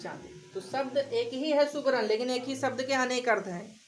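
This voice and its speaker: A woman's voice: sits high, moderate pace, rough recording. A woman teaching a grammar lesson for exam preparation, repeating examples and questioning her class.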